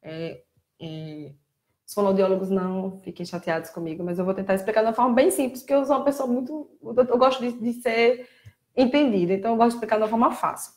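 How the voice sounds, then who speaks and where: A woman's voice: a little high, fast. Brazilian woman explaining speech therapy. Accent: Brazilian Portuguese. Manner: explanatory, animated when imitating children. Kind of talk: casual live-stream talk.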